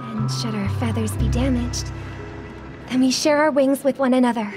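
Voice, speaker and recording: An actress voicing a graceful young singer, speaking softly and earnestly in a video game. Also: female voice, a little high, normal speed, close to an everyday voice. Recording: game audio with music behind.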